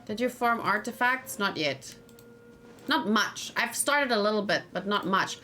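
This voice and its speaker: Soft music plays as a woman hosts a let's play, chatting casually with viewers and thinking aloud. Her medium-pitched voice is expressive, pushed and bright, and she talks a little slowly.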